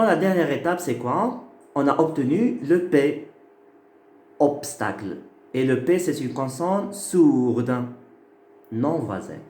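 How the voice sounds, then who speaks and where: Male lecturer, unhurried, repeats terms for clarity; roomy recording, faint hiss. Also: medium pitch, a little mellow. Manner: slow, patient, repeats key words. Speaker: teacher. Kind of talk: phonetics lecture. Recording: echoey room with faint noise.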